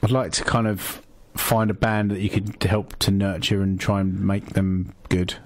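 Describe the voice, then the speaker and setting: A man's voice: lowish voice, level tone, normal speed, no room sound. Rambling male radio host. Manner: rambling, stop-start, jokey. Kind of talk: casual banter.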